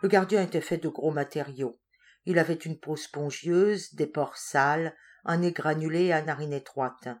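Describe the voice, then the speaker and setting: A woman narrating a literary story in a measured, expressive reading voice. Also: sits low, faint music behind. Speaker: audiobook reader. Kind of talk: scripted narration.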